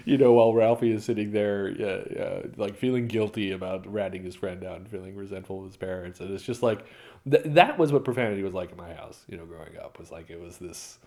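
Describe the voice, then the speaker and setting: A man's voice: low voice, quick pace. A man from San Francisco chatting casually as a podcast co-host, telling stories with lots of laughter and acted-out quotes. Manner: animated storyteller, laughs often, acts out quotes. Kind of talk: casual chat.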